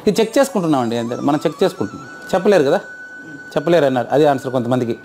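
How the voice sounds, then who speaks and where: Fast, high-voiced man quizzing an audience. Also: sing-song, mellow. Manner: quizzes audience, repeats questions. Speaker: teacher. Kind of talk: interactive lecture.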